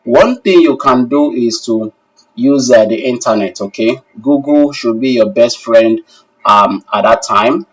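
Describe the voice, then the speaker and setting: Heard from a distance with the highs cut off, a man with a medium-pitched voice teaches a live online technical course a little slowly. He answers questions with formal courtesy, calling learners sir and repeating phrases for emphasis.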